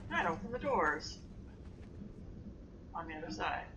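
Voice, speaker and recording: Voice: mid-range voice, sing-song, unhurried, distant mic, noisy background. A co-player on a game stream who makes short, dry, teasing remarks. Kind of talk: casual gameplay chat.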